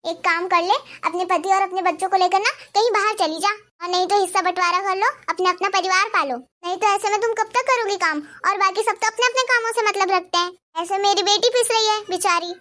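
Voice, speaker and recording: Meddling cartoon neighbor, chatty and prying, voiced by a woman, with a very high voice. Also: fairly quick, hardly any pauses, bright, forceful tone. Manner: chatty, probing, complaining. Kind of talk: cartoon dubbing.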